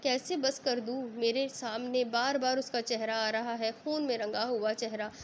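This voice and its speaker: A woman's voice: fairly high pitch, fairly even intonation, normal speed, slight background noise, lightly acted. A woman reading a storybook, voicing a young woman who sobs and pleads in wild grief. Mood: grief-stricken. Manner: sobbing, pleading, breathless. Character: young woman grieving wildly, delirious.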